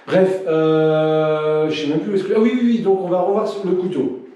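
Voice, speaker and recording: A man's voice: fairly high pitch, fairly even intonation, normal speed, lo-fi sound. Man coaching self-defense from across an echoey room. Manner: shouts counts loudly, then jokes casually. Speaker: krav maga instructor. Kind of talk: live online class, counting drills and chatting with viewers. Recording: distant mic in echoey room.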